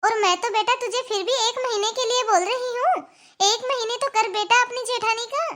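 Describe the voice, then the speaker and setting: A woman voicing a patient middle-aged mother in a cartoon, calmly reasoning and coaxing her daughter. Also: very high-pitched, normal speed. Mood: lecturing. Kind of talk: cartoon voice acting.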